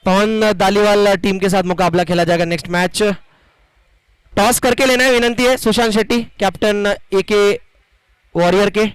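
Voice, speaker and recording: Man, very high voice, live cricket commentator, dramatic phrasing, dry close sound. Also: fairly even intonation, smooth, dry recording, low-quality recording. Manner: dramatic, flowery phrasing with drawn-out emphasis. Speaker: cricket commentator and match announcer.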